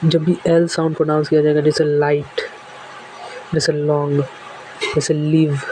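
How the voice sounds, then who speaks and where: Male shorthand teacher, steady monotone, patient repetition, light background noise. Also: on the high side, measured pace, low-quality recording. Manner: repeats examples patiently, step by step. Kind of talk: classroom lesson explaining strokes.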